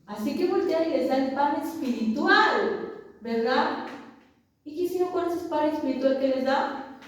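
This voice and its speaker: Woman preacher, high voice, rhetorical questions, very echoey room, distant mic. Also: lively intonation, unhurried. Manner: asks the congregation rhetorical questions; addresses listeners as brothers. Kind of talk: sermon.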